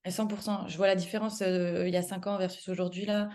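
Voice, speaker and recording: A woman's voice: lowish voice, level tone, quick pace, a little mellow. A young woman from France with a French accent, talking casually as a podcast guest, full of fillers and restarts. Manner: chatty, many fillers and self-corrections, laughs easily. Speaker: guest, public relations adviser. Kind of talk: casual chat.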